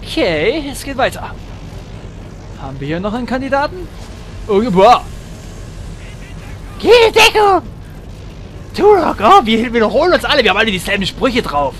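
A man's voice: very high voice, big pitch swings, a little fast, fairly bright tone, soft background music. A man giving chatty commentary while playing a shooter game, humming and chanting while he shoots and exclaiming often. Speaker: let's player. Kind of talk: gameplay commentary.

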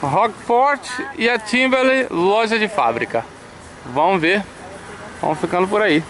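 In an easygoing shopping vlog, a man from Brazil cheerfully tours outlet stores with a handheld camera, chatting and pointing out what he sees. He speaks in an unhurried, high, slightly bright voice with lively intonation.

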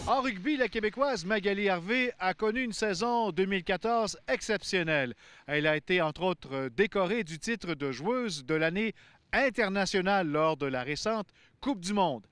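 A male anchor reads his show links in a smooth, scripted way. His voice sits high for a man. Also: lively intonation, moderate pace, a bit bright, dry recording. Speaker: show host. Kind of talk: scripted news reading.

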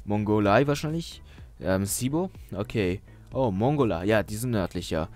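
A man's voice: on the low side, lively intonation, normal speed, a little mellow. A young man rambling through casual screen-share commentary, hesitant, with frequent restarts and laughs at his own jokes. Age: young adult. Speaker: YouTuber. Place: small bedroom at a desk. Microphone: headset. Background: faint background music.

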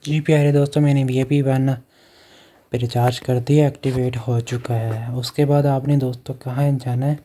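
A man who hosts an online earning channel narrates a phone screen recording, walking through an app step by step. His mid-range voice is warm and level at normal speed, with a little hiss or hum in the audio. He speaks instructionally and repeats the directions.

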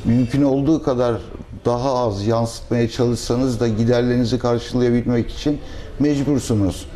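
A middle-aged man, a restaurant owner, answering interview questions in a measured, thoughtful way with pauses and fillers, recorded on a lapel mic in a restaurant dining room. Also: mid-range voice, fairly even intonation, warm tone, slight background noise.

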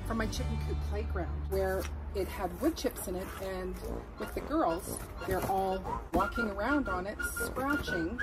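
A woman's voice: medium pitch, low-quality recording. A woman gardening vlogger in a chatty, casual how-to style, explaining while she works in an outdoor garden.

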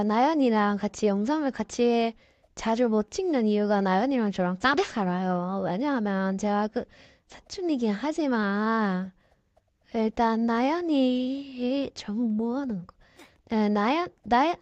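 A woman with a sore throat from a cold, speaking through a voice changer in halting, flustered, casual game commentary. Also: on the high side, a little mellow, dry recording. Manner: halting, easily flustered, apologetic. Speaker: gaming YouTuber. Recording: dull, lo-fi, dry sound.

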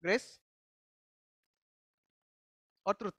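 A man's voice: drawn-out words, bright, forceful tone, no room sound. A male pastor giving a conversational sermon, teaching by putting questions to the congregation and often restarting his sentences. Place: church service.

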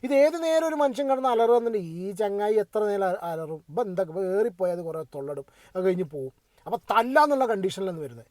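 A man's voice: sits high, big pitch swings, fast talker, darkish tone, dry recording. A man giving casual, opinionated commentary on a reality show, chatting straight to his viewers and asking what they think. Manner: chatty, addresses viewers directly, asks for their opinion.

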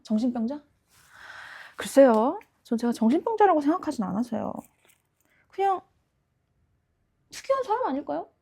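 Woman acting high-pitched, unhinged, menacing female psychopath. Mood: mocking, unhinged. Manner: unhinged menace, mock-polite, giggly, swinging between bright and hushed. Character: playful, unhinged female psychopath killer taunting her captive. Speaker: actor performing a monologue. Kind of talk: dramatic acted monologue.

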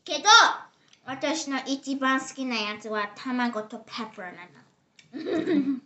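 A young girl chats her way through a candy review at home, giggling often and dropping English phrases in between. Her voice is high and very bright, and she talks slowly and unhurriedly. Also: dull audio. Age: child. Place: home table.

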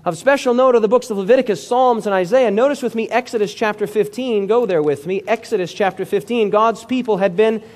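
A man's voice: high-pitched, fairly quick, hardly any pauses, a little mellow. A male pastor preaching a sermon with emphatic storytelling and calls for amen.

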